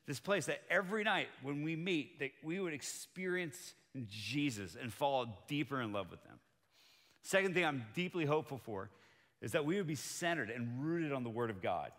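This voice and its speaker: A man preaching a sermon as pastor, earnest and building to excited emphasis, who grew up in Colombia. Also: mid-range voice, in a large hall.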